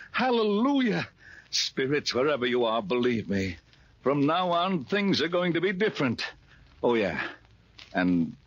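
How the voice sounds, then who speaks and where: An actor playing an excitable, emphatic reformed miser Scrooge in an old-time radio drama. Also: male voice, mid-range voice, no room sound, highs cut off. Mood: relieved. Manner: colloquial, emphatic, exclamatory. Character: excitable reformed miser Scrooge, pleading then giddy with joy. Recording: old radio recording with faint hiss.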